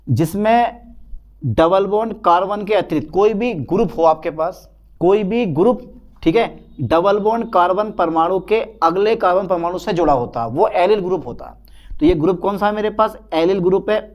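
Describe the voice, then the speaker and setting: A man's voice: high-pitched, darkish tone. A man teaching a chemistry lesson in a casual, chatty way, repeating phrases and calling his students beta and bhai. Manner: dictates slowly, repeating phrases. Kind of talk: casual Hindi lecture.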